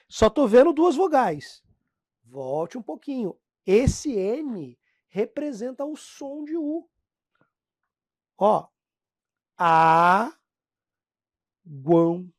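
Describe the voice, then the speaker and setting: A Brazilian woman teaching Portuguese grammar in a slow, unhurried way, her pitch rising and falling with lively energy. She addresses her students directly and stretches out the example words. The sound is dry and close, with no room echo. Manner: lively, talks to the class as "pessoal", drags out example words slowly. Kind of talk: classroom lesson explaining phonetics.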